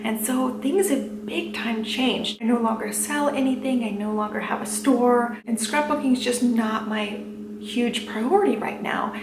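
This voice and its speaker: Female vlog host, slightly high voice, reassuring and chatty but held back in volume, recorded in an echoey room. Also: a little slow, background noise. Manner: quiet, held-back talking to avoid waking her baby; encouraging, reassuring. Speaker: crafting channel host. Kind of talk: casual chatty vlog talk.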